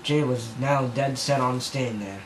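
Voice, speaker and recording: An amateur reader's comic, dramatic take on fan fiction, delivered from his bedroom in an unhurried, medium-pitched voice. He rambles and stumbles over words self-consciously. The camera mic captures echo and background noise.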